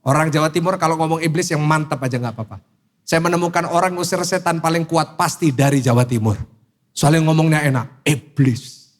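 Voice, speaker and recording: A man, preaching to a church congregation in an animated, humorous, teasing way. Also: fairly high pitch, brisk. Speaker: pastor. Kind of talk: sermon. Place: church service.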